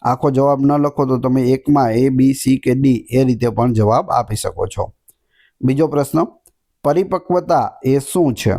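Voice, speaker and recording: Dark-voiced man reading exam questions. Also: medium pitch, vocal fry. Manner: reads each question, then gives the answer. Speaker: exam prep teacher. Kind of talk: question-and-answer exam lesson.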